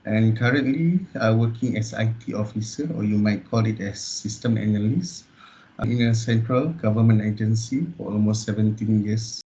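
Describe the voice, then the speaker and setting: Malaysian man, early forties, formal and earnest, warm dark voice, muffled webcam sound. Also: fairly low pitch, moderate pace. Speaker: government IT officer interviewee. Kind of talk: formal interview answers.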